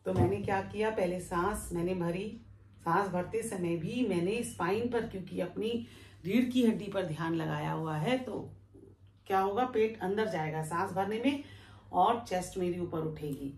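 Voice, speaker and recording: A woman yoga teacher giving a calm, step-by-step breathing lesson while she demonstrates it. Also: fairly low pitch, normal speed. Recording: echoey room with faint background noise.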